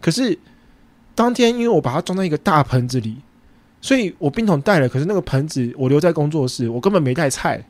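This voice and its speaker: A man with a Taiwanese Mandarin accent, hosting a podcast and casually retelling a story, acting out bits of dialogue with sudden jumps in pitch. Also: lively intonation, fast, a little mellow, no room sound. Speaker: podcast host and food truck owner.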